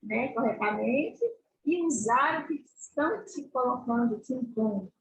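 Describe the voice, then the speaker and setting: A woman's voice: on the high side, animated, normal speed, gravelly. A woman teacher asking a question during a video call meeting, hesitant and searching for words. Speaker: teacher in the course. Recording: echoey distant call audio with faint hiss.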